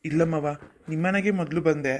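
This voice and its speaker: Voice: mid-range voice, moderate pace, lightly acted. A voice actor playing a polite, respectful young village man in a cartoon. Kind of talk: cartoon voice acting.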